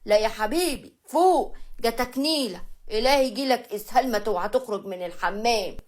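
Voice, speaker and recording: A woman voicing a brash, teasing young peasant bride with an Egyptian accent and a loud, singsong manner. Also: a little high, brisk, natural voice.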